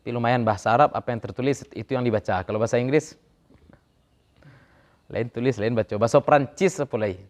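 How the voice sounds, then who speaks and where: A man's voice: mid-range voice, fast, long pauses. Man teaching Arabic grammar in class. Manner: chants verb conjugations, jokes about dialects. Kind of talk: classroom lecture.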